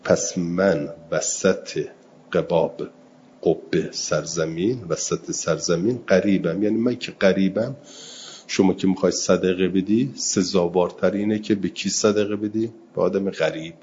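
Guy with a really low voice giving a seminary class, reads arabic slow then explains fast in everyday persian, kinda dull recording w some hiss. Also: a little mellow. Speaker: religious studies teacher. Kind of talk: seminary lesson explaining Quranic grammar.

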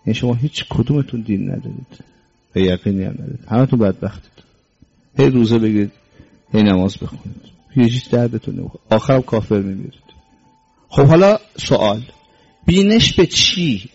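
A man with a lowish, mellow voice, vocal fry and a breathy edge delivers a religious sermon on a dull lo-fi recording. He quotes Arabic scripture and then explains it, repeating key words, posing rhetorical questions and at times scolding sternly.

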